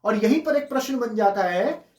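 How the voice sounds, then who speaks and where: A man's voice: extremely high pitch, lively intonation, normal speed. A man teaching a lesson, explaining step by step as he writes on a board, saying each sound aloud and repeating it. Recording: echoey room, voice from a distant mic.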